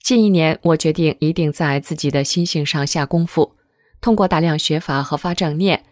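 A woman reading a first-person article aloud in a steady, measured way. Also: sits low, dry recording, clean studio sound. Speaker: article reader. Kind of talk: scripted reading of a testimonial article.

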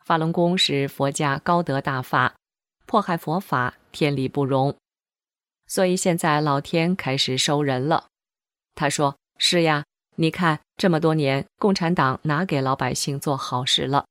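A woman reads a first-person testimony in a low, steady voice. The delivery is even and scripted, and the recording is dry and close, with no room sound. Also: measured pace, no room sound.

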